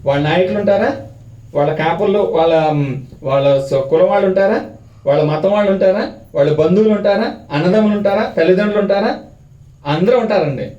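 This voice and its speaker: High-voiced man preaching in an echoey hall. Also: a little fast, pauses often, warm tone, dull audio. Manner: fervent preaching with repeated rhetorical questions. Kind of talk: sermon. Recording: echoey hall, mic at a distance.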